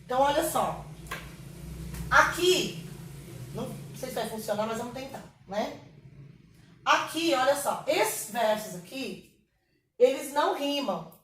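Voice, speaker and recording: A woman's voice: sits high, expressive, unhurried, long pauses, a bit bright, recorded from a distance, slight background noise. Brazilian woman teacher in an echoey room. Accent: Brazilian Portuguese. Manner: patient, explanatory, checks in with "tá?". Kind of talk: online class lesson.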